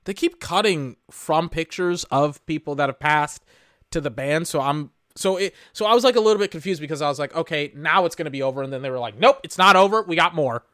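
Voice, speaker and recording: High, bright-voiced exasperated male podcaster. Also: fairly quick, no room sound, studio quality. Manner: exasperated, swearing, rambling rants. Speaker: podcast host. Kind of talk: casual live-reaction commentary.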